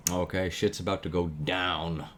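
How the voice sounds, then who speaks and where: A man's voice: deep voice, steady tone, measured pace, fairly bright tone, slight background noise. A man streamer reading a visual novel aloud, with casual, profane asides between the narration.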